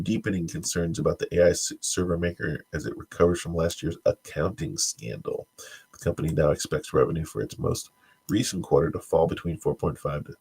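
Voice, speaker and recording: On a low-quality recording, a man with a low-sitting, husky voice and vocal fry reads tech news aloud to his stream. He says he's congested, stumbles through the items, and drops in dry, wry comments along the way.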